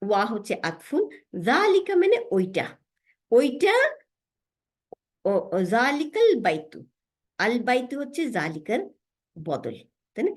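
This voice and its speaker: A woman teaching Arabic grammar, explaining step by step, often asking "right?" and slowing down to spell out Arabic words. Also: fairly high pitch, very animated, a little mellow.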